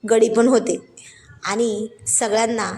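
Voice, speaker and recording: Woman, serial story narration, chatty, talks to listeners, somewhat high pitch. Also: fairly even intonation, slow, dark tone.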